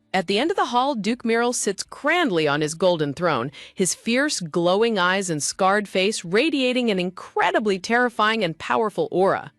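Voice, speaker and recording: A woman narrates a dramatic comic recap in scripted storytelling style. Her pitch moves a lot from line to line, and the recording is dry and close. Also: no room sound.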